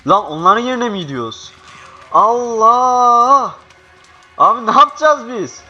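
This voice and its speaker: A young man playing a horror game, swearing and jumpy, swinging from panicked yells to hushed mutters. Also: high voice, big pitch swings, a little fast, lo-fi sound, faint music behind. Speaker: gaming youtuber. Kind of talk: horror game let's play commentary.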